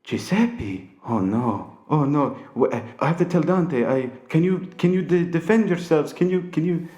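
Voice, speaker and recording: A man acts out an anxious woman for a tabletop game. The pitch is lifted and the room echoes. The words come out stammered, repeated and flustered. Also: expressive, normal speed, warm tone, lightly acted. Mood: panicked. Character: anxious, flustered woman named Sabina, panicking. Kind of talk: improvised tabletop role-play. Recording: roomy, echoing sound.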